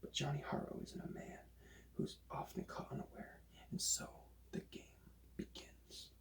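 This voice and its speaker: A man doing a whispered role-play as a librarian recommending books, in a hushed, breathy library whisper. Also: normal speed.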